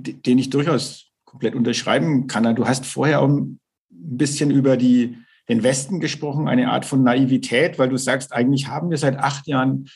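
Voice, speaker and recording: A man's voice: medium pitch, darkish tone, slightly rough. A man interviewing a guest, who searches for words and asks long, winding questions with a lot of hesitation. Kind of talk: conversational interview.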